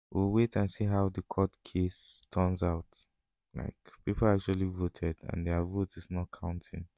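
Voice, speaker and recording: Mellow low-key male voice, Nigerian accent, fairly flat intonation, slangy Pidgin-mixed talk, informal podcast host. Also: vocal fry, dry recording. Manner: slips often into West African Pidgin. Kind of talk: casual solo podcast chat.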